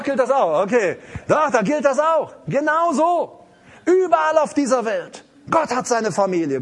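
Brief: emphatic male preacher before a congregation, a husky voice that swings in pitch. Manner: emphatic, repeats lines, laughs while preaching. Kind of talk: live sermon.

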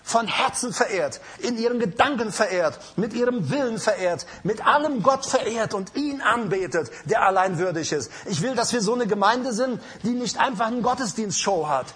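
A man's voice: high-pitched, lively intonation, moderate pace, few pauses, a bit bright, husky. A man preaching an emphatic sermon with an altar call in a church, calling out to the congregation. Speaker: pastor. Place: church hall.

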